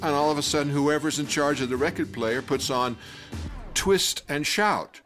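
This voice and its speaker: An older man telling a personal story to an audience, animated, acting out quotes and laughing as he goes, with music playing under his voice. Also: on the high side, moderate pace.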